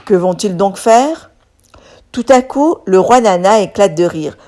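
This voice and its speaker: A woman reading a children's story aloud, expressive and animated. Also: medium pitch, unhurried.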